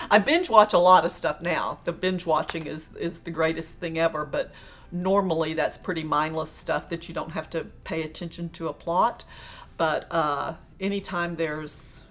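A middle-aged woman answering interview questions in a relaxed, self-deprecating way with frequent laughs, in a studio. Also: low voice. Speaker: quilting industry guest. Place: studio with quilt backdrop.

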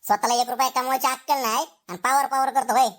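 A woman doing a mouthy village schoolgirl, high pitched, throws insults. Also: fairly even intonation, fast talker, fairly bright tone. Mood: scolding. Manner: scolding, insulting, threatening. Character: feisty sharp-tongued schoolgirl.

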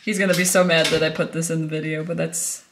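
A woman's voice: low voice, flat delivery, quick pace. Young woman, casual vlog host, giggly, chatty; noisy handheld camera audio with traffic behind. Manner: chatty and giggly, talks to viewers. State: out of breath while walking. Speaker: vlogger. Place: indoors at home, then walking outdoors in a city.

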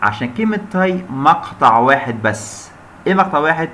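A man with an Egyptian Arabic accent teaching English pronunciation, repeating each word slowly and stretching out its sounds. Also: on the high side, lively intonation, bright, forceful tone, a little hiss or hum. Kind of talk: pronunciation lesson.

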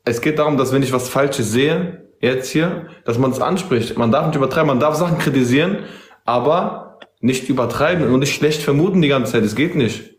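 A man's voice: medium pitch, a little fast. Admonishing man in an echoey room. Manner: preacherly, emphatic repetition. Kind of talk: livestream discussion, admonishing. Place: indoor room, group video call. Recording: roomy indoor echo.

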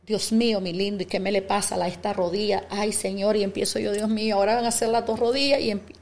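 A woman in her fifties talks as a podcast guest, spinning her stories with real animation and acting out the back-and-forth of conversations. Her pitch sits in the middle for a woman, and her telling is relaxed and chatty. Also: fast. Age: 50s. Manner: animated storytelling, acts out quoted dialogue. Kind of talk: casual interview chat.

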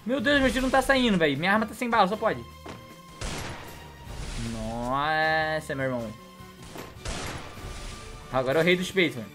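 A young man, commentating his own gameplay excitedly on a headset mic and calling his viewers family. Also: on the high side, normal speed, long pauses, over music. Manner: hyped, slangy, keeps addressing viewers as family. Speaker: gaming youtuber.

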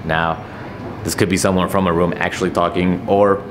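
Low-voiced and level in tone, a young man narrates a casual travel vlog at a moderate pace from a hotel room and its corridors. He jokes around in a chatty, slightly nervous way, filming with a camera at arm's length. Background noise sits under an echoey room with faint ambience.

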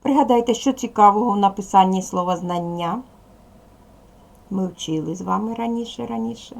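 A woman teacher with a Ukrainian accent, giving a slow and clear lesson to young pupils and spelling out sounds one by one. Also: medium pitch, darkish tone. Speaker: primary school teacher. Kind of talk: slow, clear classroom instruction.

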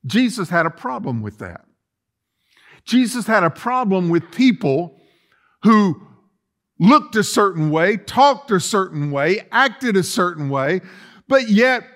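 In an empty-chaired church sanctuary, a middle-aged male pastor delivers an emphatic sermon full of repetition and rhetorical questions. His voice is high and fairly bright.

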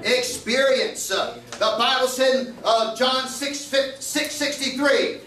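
A man preaching a fiery revival sermon at a pulpit microphone, quoting scripture in old King James wording and rising into shouts. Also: very high voice, slow, reverberant, far from the mic, slight background noise, poor audio.

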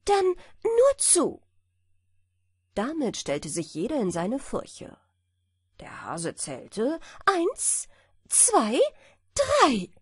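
Slow, breathy woman reading fairy tales. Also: medium pitch, no room sound, clean studio sound. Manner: slow, expressive storytelling. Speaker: audiobook narrator. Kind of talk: fairy-tale reading for sleep.

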